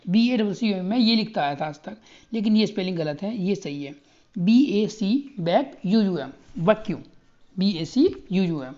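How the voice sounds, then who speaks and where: Teacher type, male, mellow tone, spells slowly letter by letter, slightly muffled lo-fi recording. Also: sits high. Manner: spells words out letter by letter, repeats checks for understanding. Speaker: exam coaching teacher.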